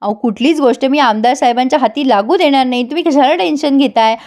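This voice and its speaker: A woman voicing a calm male henchman reassuring his boss. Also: high-pitched, fast talker.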